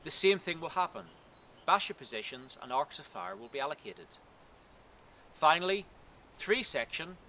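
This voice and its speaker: Man, 30s, military instructor, precise scripted delivery, lively intonation, bright voice, woodland, faint outdoor noise. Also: medium pitch. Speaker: cadet force instructor. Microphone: camera at a distance.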